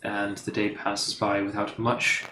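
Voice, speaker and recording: Male game master, lowish voice, hesitant rambling narration, echoey room, noisy stream. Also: completely flat delivery, unhurried. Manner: rambling descriptions with many fillers and restarts. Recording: roomy live stream with background noise.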